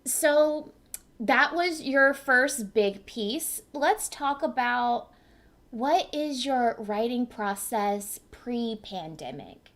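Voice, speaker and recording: A woman's voice: on the high side, animated, extremely slow, a bit bright. A young woman hosting a casual interview over a video call, informal and encouraging with her guest. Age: young adult. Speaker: interviewer, host. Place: indoors before a cloth backdrop. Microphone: computer mic on a video call.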